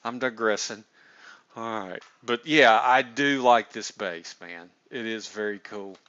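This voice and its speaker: Southern male streamer, unhurried and rambling, bright forceful tone, dull lo-fi audio. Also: lowish voice, clean tone. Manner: rambling, self-interrupting, laughs at own ideas. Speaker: livestream host. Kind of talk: casual livestream chat.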